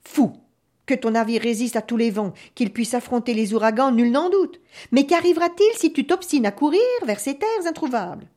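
A woman's voice: fairly high pitch, moderate pace, a little mellow, pitched above the performer's own voice, close to an everyday voice. A woman voicing a worried old male seer who pleads and warns with a lamenting tone. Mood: warning.

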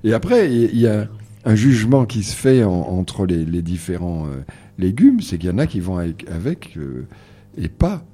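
Lively husky low-voiced man. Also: normal speed. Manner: hesitant, restarts often, animated emphasis. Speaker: guest, organizer of book readings. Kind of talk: radio conversation.

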